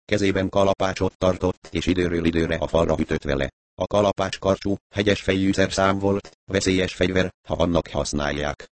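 Deep-voiced male audiobook narrator. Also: fairly even intonation, hardly any pauses, no room sound. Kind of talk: scripted narration.

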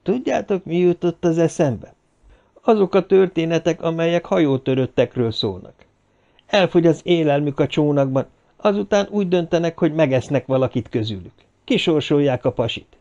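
A man voicing a cold, calculating male survivor with a flat, scheming way of talking. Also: a little high, voice pushed up, close to an everyday voice. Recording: dull lo-fi recording.

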